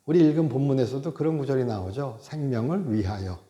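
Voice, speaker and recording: A male pastor delivers a Sunday sermon in a loose, conversational way, peppering his lines with short affirmations. His voice is dark and mellow at a middling pitch. The sound carries the reverb of a roomy church sanctuary. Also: brisk, dull audio. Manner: conversational preaching with frequent interjected "yes"; animated, acts out God scolding in raised voice. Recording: echoey church hall.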